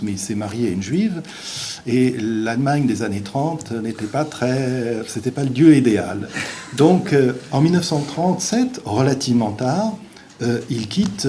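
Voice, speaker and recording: A middle-aged man, a visiting professor, giving an academic lecture in a halting, hesitant way with dry, wry asides. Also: mid-range voice, mellow, a little hiss or hum. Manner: hesitant, halting delivery with many pauses.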